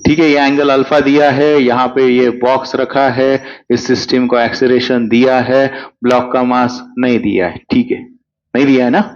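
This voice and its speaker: A man's voice: medium pitch, level tone, moderate pace, highs cut off. A male physics teacher, coaxing students through exam problems with constant questions. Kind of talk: exam crash-course lecture.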